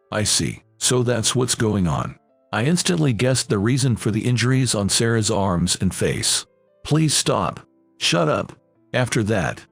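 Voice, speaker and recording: Man, story narration, lively pitch, dry recording, faint music behind. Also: vocal fry, dry recording. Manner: reads every character in one plain voice.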